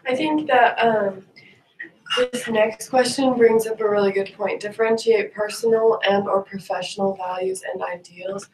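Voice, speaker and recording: A woman's voice: on the high side, animated, moderate pace, darkish tone. A young woman talks through a class assignment with her study group, chatty and full of fillers. She sits away from the mic in an echoey room with a faint hum of noise behind her. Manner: chatty, many fillers, mocking asides. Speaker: student. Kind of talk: casual group discussion. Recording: echoey room, recorded from a distance.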